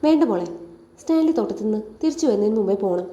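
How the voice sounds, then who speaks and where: A woman voicing a gentle, apologetic middle-aged father who talks in a quiet way in an echoey room. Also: mid-range voice, lively intonation, rapid-fire, dull audio, lightly acted. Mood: subdued.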